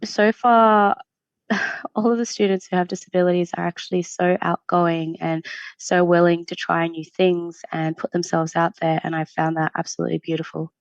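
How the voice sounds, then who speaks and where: A lower-voiced woman from Syria answers questions about student support in a friendly, earnest manner, often pausing on "um." Her voice comes across dry and close, with a dull, lo-fi sound like a livestream. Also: little pitch movement, no echo. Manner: friendly, many ums, earnest. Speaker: university international student support staff. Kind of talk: interview answers. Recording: dull lo-fi stream audio.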